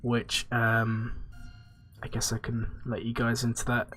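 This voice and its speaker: Soft music plays behind a gaming streamer whose nose is blocked, giving his medium-pitched voice a nasal sound. Speaking a little slowly, he rambles in a relaxed, casual way while responding to viewers' questions.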